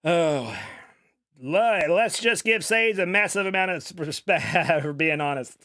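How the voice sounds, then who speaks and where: A young man tells a long, rambling story while he streams a game. He swears casually and stumbles over repeated words. His voice is a little higher than most men's, and the sound is dry and close, with no room echo. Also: lively intonation, measured pace, sharp tone.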